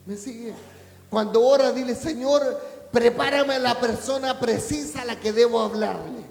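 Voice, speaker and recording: Un hombre pastor que predica un sermón, pregunta a menudo a la congregación si le entiende y sube hasta gritar en los momentos fuertes. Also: male voice, extremely high pitch. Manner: preaching, rising to a shout at climaxes; asks the congregation rhetorical questions. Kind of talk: sermon. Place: church hall. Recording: echoey church hall with long reverb.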